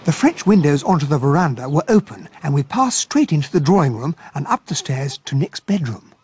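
An actor playing a genteel, earnest English captain, a detective's loyal companion, narrating and talking in a radio drama with an English accent. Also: male voice, a little high, sing-song, a little fast, darkish tone, breathy edge, exaggerated voice. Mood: reflective narration. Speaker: narrator and sidekick.

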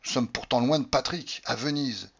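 A male narrator reads a classic novel in a measured, expressive way, his voice sitting in the middle of the male range. The recording is dull and lo-fi. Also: medium pitch, gravelly, husky. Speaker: audiobook narrator. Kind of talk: literary audiobook narration.

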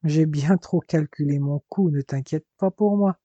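A man's voice: on the high side, measured pace, warm tone, no echo, muffled recording. A man voicing a menacing male swindler who taunts with a gun, sneering and gloating. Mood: smug.

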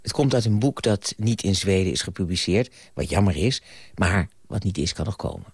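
A man reading a children's story aloud on the radio, with an animated, playful delivery, then reflecting on it. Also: low-pitched, normal speed, breathy edge, no room sound. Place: radio studio.

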